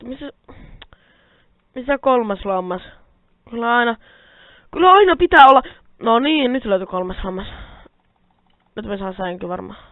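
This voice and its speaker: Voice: medium pitch, long pauses, dry recording. A young-sounding gamer chatters through a let's play, cursing and grumbling as things go wrong. The sound is thin and phone-like, from a mic held close, completely dry with keyboard clicks in the background. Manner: swears a lot, grumbles at the game; rambling, self-talking, addresses viewers. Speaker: Minecraft let's player. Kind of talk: casual gameplay commentary. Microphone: quiet mic held close.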